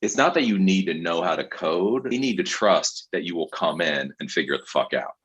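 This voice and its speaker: A man hosts a loose open mic show over a video call, and his voice sits very low with a husky grain. He talks bluntly and swears freely. He chats casually with his callers. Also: expressive, fairly quick, fairly bright tone, rough recording. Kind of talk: casual chat.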